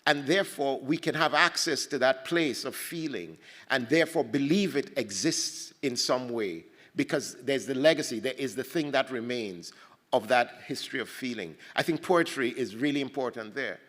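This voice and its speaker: Speaking on a poetry festival panel, a man from Ghana reflects thoughtfully, thinking aloud with many halting restarts and repeated words. He has a mid-range voice with a fairly bright tone, and the room adds a long hall reverb.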